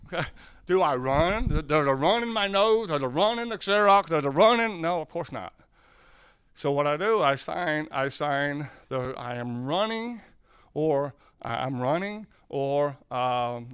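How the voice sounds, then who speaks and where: Man, from southern Ohio, fairly high voice, smooth and clear, rambling teaching talk, quizzes the audience. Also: a bit bright. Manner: rambling, self-correcting, asks the audience questions. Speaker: sign language teacher and speaker.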